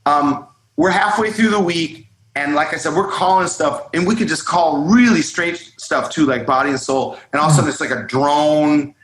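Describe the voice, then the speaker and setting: A man with a slightly high voice tells a story as an interview guest. He talks in a loose, animated, rambling way, full of fillers. His voice rings with a roomy echo. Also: normal speed, few pauses. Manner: animated, rambling, heavy use of "like" and "you know". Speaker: guest musician, drummer.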